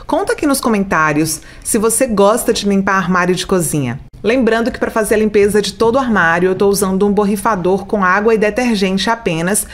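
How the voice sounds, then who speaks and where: Young woman, Brazilian Portuguese accent, casual vlog voice-over, talks straight to viewers, medium pitch. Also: fairly quick, few pauses. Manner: chatty, addresses viewers directly. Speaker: home organization vlogger. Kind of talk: voice-over narration of cleaning.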